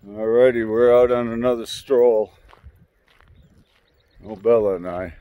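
A man in his sixties vlogs casually at a mountain campsite beside a creek, chatting folksy and rambling into a phone camera held at arm's length. His mid-range voice is steady and measured in pace. The audio is narrow and tinny with no echo, and faint noise from the running stream sits in the background.

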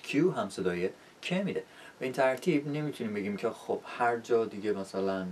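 A man's voice: fairly low pitch, a little mellow, distant mic, slight background noise. A man teaching an English lesson in a casual, explanatory way, often checking in with rhetorical questions.

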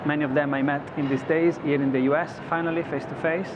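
Quick-paced and steady in tone, this fairly high-voiced man in his thirties is an executive guest at a trade show's studio set on the convention floor. He chooses his words thoughtfully amid frequent fillers and restarts, captured in slightly dull audio with obvious background noise.

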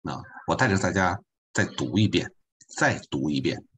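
A man's voice: deep voice, lively intonation, moderate pace, fairly bright tone, husky. A man teaching a beginner French class online as a volunteer, patiently repeating his points with chatty asides.

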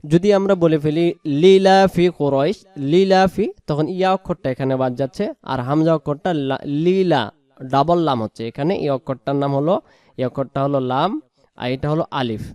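A man with a Bangladeshi Bengali accent teaching Quran pronunciation word by word, explaining each sound and repeating words slowly. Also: a little high, a little mellow, dry recording. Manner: explains, then chants words slowly and drawn out. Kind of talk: slow word-by-word pronunciation lesson.

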